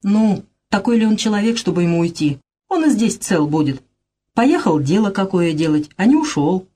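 A woman's voice: mid-range voice, animated, moderate pace, mellow, husky. A woman voicing a stolid, sly male house servant in a dramatized reading of a play, who talks bluntly and stubbornly plays dumb. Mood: dismissive. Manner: blunt, stubborn, feigning ignorance.

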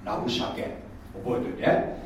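A man preaching a sermon as a pastor, in a chatty, lively storytelling manner with mocking asides. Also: fairly quick, a little hiss or hum. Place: church hall. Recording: echoey room from far off.

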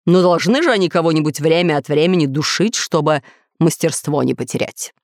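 A woman's voice: low-pitched, fairly quick, no echo, studio quality. Woman doing a smug, boastful storybook villain. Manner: calm, boastful. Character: boastful scheming male villain, lord of computers.

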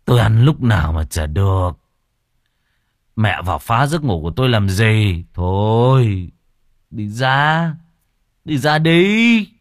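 A man's voice: lowish voice, big pitch swings, takes it slowly, long pauses, no room sound, studio quality. A man doing a slurring drunk young layabout. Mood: grumpy. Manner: slurred, whiny drawl.

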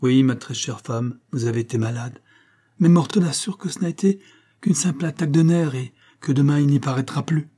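A man's voice: mid-range voice, fairly quick, mellow, voice pushed up, lightly acted. A man playing an anxious, pleading husband. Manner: pleading, earnest questioning.

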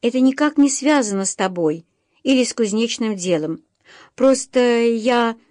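A woman's voice: a little high, expressive, a little slow, a little mellow, no room sound, studio quality, pitched above the performer's own voice. A woman voicing a shy, hesitant young female blacksmith in an audiobook. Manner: hesitant, subdued. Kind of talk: audiobook reading.

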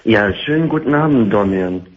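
A man in his twenties with a Russian accent, calling in to a late-night radio show, talking haltingly with many hesitations on a line that echoes hollowly. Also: fairly low pitch, animated. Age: 20s. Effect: echoey, hollow sound on his line. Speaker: caller. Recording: muffled echoey phone line.

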